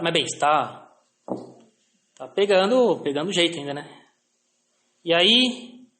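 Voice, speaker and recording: High-voiced Brazilian man telling stories. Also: a bit bright, roomy sound. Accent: Brazilian Portuguese. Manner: anecdotal, frequent tag questions, self-deprecating. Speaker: lecturer.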